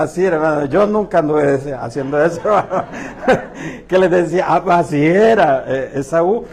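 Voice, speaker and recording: High-voiced pastor preaching in an echoey church. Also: male voice, a little mellow. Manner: storytelling with humor, acting out biblical figures. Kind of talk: sermon.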